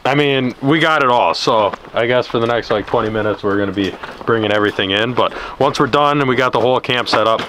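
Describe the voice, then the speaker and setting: A young man co-hosting an outdoor vlog, explaining things in a relaxed, wry way. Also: medium pitch, fast, low-quality recording. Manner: laid-back, wry, explains setup. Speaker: vlog co-host. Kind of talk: casual vlog narration. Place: outdoors on a frozen lake. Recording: clear outdoor noise behind.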